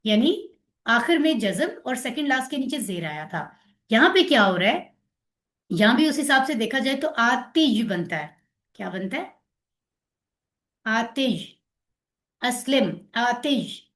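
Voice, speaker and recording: A woman teaching Arabic grammar in an online class, patiently drilling verb forms and repeating them slowly. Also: a little high.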